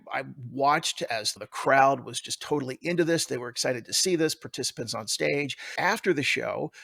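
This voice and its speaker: A man with a gravelly voice, a stage performer telling a personal story in a conversational way. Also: mid-range voice, fairly bright tone, no echo, studio quality.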